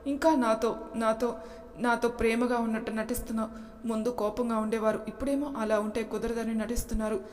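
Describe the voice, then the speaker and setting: A woman voicing a hurt young wife who speaks softly and wearily, with a long reverb on the recording. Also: a little high, fairly even intonation, fairly quick, natural voice. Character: sad, wounded young wife, quiet and withdrawn.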